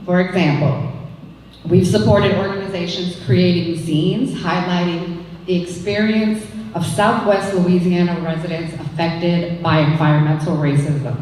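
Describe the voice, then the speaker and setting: A woman giving measured prepared remarks for a foundation at a live event. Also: fairly low pitch, darkish tone, slight background noise. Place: large echoey hall. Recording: echoey hall, distant.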